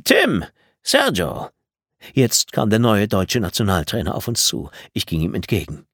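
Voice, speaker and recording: A man reading a children's audiobook aloud in an expressive storytelling manner, recorded close on a studio mic. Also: lowish voice, a little fast, no echo. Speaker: audiobook narrator.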